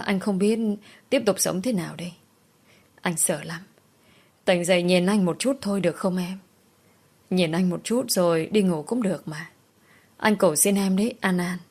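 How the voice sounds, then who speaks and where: A heartbroken young husband pleads in a hushed, tearful voice beside a hospital bed, as a woman narrator reads him. The voice sits a little low and stays soft and fragile, like a line from an audiobook romance. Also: breathy edge.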